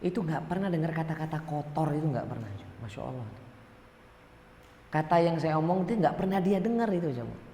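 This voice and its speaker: A man's voice: a little high, animated, brisk, warm tone, slight background noise. A man with a Medan accent from North Sumatra, preaching to a mosque congregation in a conversational, joking way, asking them questions. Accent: Medan Indonesian. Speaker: ustadz teaching a mosque study circle. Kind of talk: sermon. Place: large mosque hall. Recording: echoey mosque hall with long reverb.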